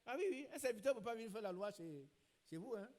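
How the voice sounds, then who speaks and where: A man's voice: high voice, lively intonation, quick pace, a little mellow. A man preaching a sermon in a church, emphatic and repeating his key phrases. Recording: long reverb in a church hall.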